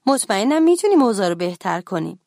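A woman voicing a calm, kind schoolboy who helps his friend, speaking gently, in a children's storybook reading. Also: medium pitch, vocal fry, no room sound, studio quality. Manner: gentle and reassuring.

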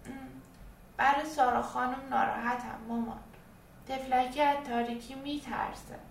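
A woman's voice: high voice, fairly even intonation, vocal fry, slight background noise. A woman voicing a young girl who is afraid of bedtime in a storybook reading, speaking in a pleading, evasive way. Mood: fearful. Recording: echoey room, distant, faint music.

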